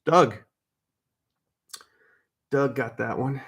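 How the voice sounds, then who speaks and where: Slow, gravelly man running a card break. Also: mid-range voice, a bit bright. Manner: casual, addresses viewers by name, corrects his own mix-ups. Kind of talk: live card break stream chat.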